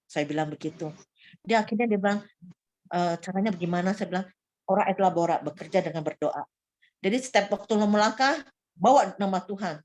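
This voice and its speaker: A woman recovering from illness, telling her personal faith testimony to a church group with animated retelling of her prayers and frequent restarts. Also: medium pitch, fairly quick, pauses often, rough recording. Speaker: church member giving testimony.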